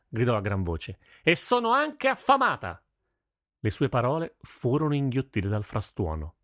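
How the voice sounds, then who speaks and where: A man narrating a story with steady, measured delivery. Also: on the low side, no echo, studio quality. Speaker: audiobook narrator. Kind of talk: scripted narration.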